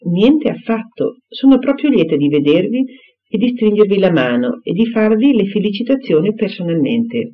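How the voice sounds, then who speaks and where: A lively, gracious young lady from a classic novel answers in emphatic exclamations, as a man reads her aloud. The voice sits fairly high and swings widely in pitch. The recording sounds dull and lo-fi. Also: moderate pace.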